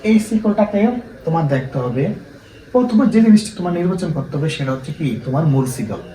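A man's voice: on the high side, lively intonation, fast, warm tone, slight background noise. A man teaching a chemistry lesson to students, explaining step by step and often asking them rhetorical questions. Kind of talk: classroom lecture. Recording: echoey room from a distance.

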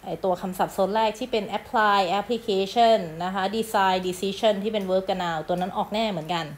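Woman teacher from thailand going over a lesson, chatty, slows right down on the english bits. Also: medium pitch, steady tone. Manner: explains in Thai, reads English phrases slowly and clearly; polite sentence endings, chatty asides. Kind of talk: recorded lesson explanation.

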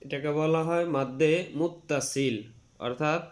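A man's voice: on the high side, fairly even intonation, normal speed. A man teaching Quran reading, spelling out each letter and vowel sign, drawing out the long vowels as he recites, and patiently repeating each rule. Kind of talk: spelled-out tajweed lesson.

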